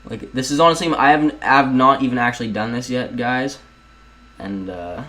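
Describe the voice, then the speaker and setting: A man's voice: medium pitch, normal speed, sharp tone, rough recording. A young man at home casually talking viewers through a video editing tutorial, rambling and chatty, often calling them guys. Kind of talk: casual screen-recorded tutorial.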